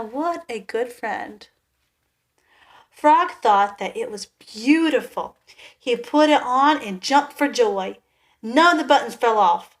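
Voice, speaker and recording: A woman reads a children's picture book aloud at an unhurried pace. Her voice is fairly high and gentle, and she softly comments on the story for young listeners. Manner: gentle, with soft sympathetic asides.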